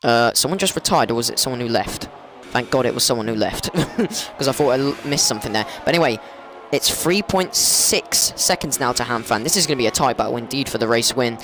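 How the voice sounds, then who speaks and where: A man commentating an online racing league race, excitable and rambling, often correcting himself and rising in pitch during crashes. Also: brisk, a little hiss or hum.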